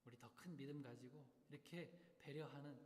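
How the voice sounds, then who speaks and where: A man's voice: mid-range voice, normal speed, a little mellow, slight background noise. A male pastor delivering a sermon, emphatic and full of rhetorical questions to the congregation. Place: church sanctuary. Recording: echoey hall, long reverb.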